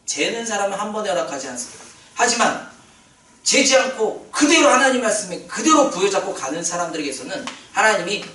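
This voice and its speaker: A male pastor preaching a sermon in a prayer retreat hall, animated and questioning his congregation, heard from a distance. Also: high-pitched, fairly quick.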